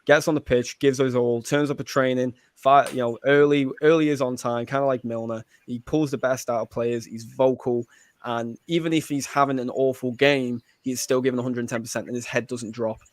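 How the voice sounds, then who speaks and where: A man's voice: medium pitch, steady tone, no room sound. A man on a football podcast panel, talking earnestly with frequent restarts. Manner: fast, earnest, stumbles on restarts. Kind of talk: casual football chat.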